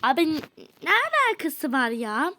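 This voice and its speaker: A woman's voice: high-pitched, sing-song, normal speed, bright, forceful tone, heavily acted. A woman voicing a pleading teenage boy who keeps apologizing to his girlfriend in a doll role-play story.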